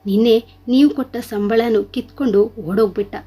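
A woman voicing a poor young mother working as a maid, pleading and sobbing softly. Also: fairly high pitch, steady tone, moderate pace, lightly acted. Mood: tearful.

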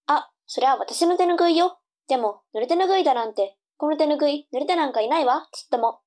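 A woman's voice: high voice, fast, darkish tone, natural voice. A woman playing a cheeky young girl, a sassy little sister, with cute anime delivery in a tongue-twister audio drama. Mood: pert.

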